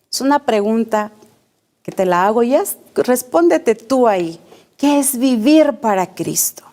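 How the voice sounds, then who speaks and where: Preaching at a church service, a woman with a slightly high, darkish voice repeats key phrases and poses rhetorical questions to the congregation. Her delivery is slow and deliberate.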